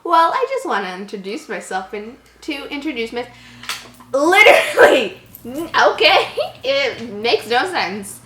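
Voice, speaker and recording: Echoes from the indoor room fill the recording as a channel host reads a horror story, her asides giggly and her words sometimes stumbling. A native English speaker, she has a high-pitched, very animated voice that is a bit bright, delivered at a measured pace.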